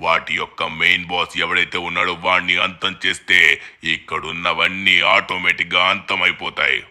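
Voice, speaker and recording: A man doing a low matter-of-fact hacker. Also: little pitch movement, brisk, pushed and bright. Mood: briefing. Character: calm male hacker ally on the phone.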